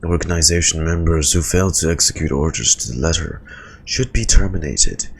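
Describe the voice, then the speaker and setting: A man voicing a cold, scheming male officer villain, speaking in a measured, menacing way with a very low voice. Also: lively intonation, gravelly, slight background noise, full character voice.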